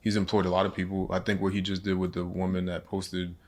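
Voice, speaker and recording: A man's voice: deep voice, completely flat delivery, fast. A man co-hosting a podcast, chatting casually and laying out his points step by step. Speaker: podcast co-host. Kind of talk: casual conversational chat.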